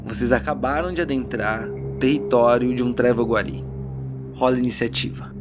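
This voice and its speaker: A Brazilian man narrates a tabletop role-playing game, blending theatrical, suspenseful storytelling with casual banter. His voice is medium-pitched with fairly even intonation and a moderate pace. Loud background music plays beneath him.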